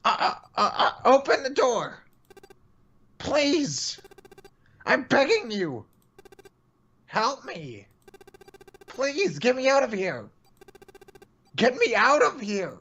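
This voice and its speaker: An amateur actor playing a panicked, trapped man who stammers and shouts desperate pleas. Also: low voice, very animated, moderate pace, creaky, few pauses, husky, dull audio, faint music behind, pitched below the performer's own voice, heavily acted. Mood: desperate pleading. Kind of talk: amateur dramatic reading.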